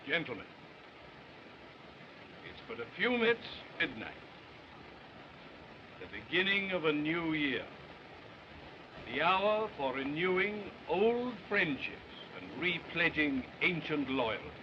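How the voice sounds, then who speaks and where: An actor playing a formal, dignified British army colonel, declaiming in the manner of an early talkie film. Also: male voice, on the high side, very animated, slow, long pauses. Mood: solemn, proud. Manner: formal, stately, oratorical. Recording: muffled, noisy early talkie film soundtrack.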